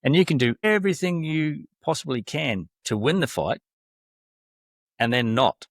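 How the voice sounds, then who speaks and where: A man's voice: on the high side, lively intonation, moderate pace, no room sound, studio quality. A man, a fight coach, hosting a casual interview and reflecting on coaching. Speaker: MMA coach and podcast host.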